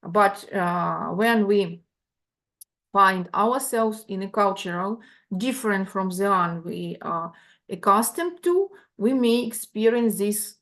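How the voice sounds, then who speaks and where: A female lecturer gives a talk online at a medium pitch. Her delivery is halting and full of fillers and restarts. She often asks "yeah?" to check that her listeners are following. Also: fairly bright tone. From Ukraine. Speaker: university lecturer.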